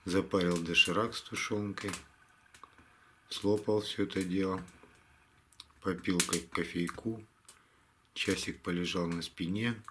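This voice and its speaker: A tired man talking casually to camera in a halting, resigned way, like a hunting vlogger winding down his day. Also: deep voice, noisy background. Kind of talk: casual vlog monologue to camera.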